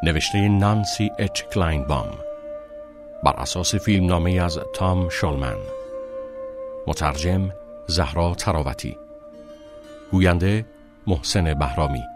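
A man narrating an audiobook in a calm, measured reading. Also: low-pitched. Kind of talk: scripted narration.

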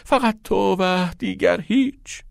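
A man reads as a heartsick teenage boy with a raised, strained voice that wails over his troubles, loud and overwrought. The sound is dry and close, with no room around it. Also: fairly high pitch, creaky, no room sound, pitched above the performer's own voice. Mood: pleading. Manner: wailing, overwrought.

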